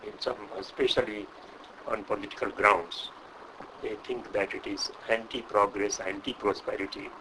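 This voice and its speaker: An older man from India with an Indian English accent, a Sanskrit scholar answering an interview question in a measured, hesitant way. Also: fairly low pitch, fairly even intonation, background noise. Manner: measured, hesitant with frequent uh, lecturing.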